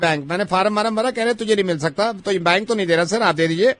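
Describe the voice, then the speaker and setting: A man's voice: high voice, fast, heavy background noise. A man hosting a radio prank call, playing innocent while he needles the person on the line. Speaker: radio host making prank calls.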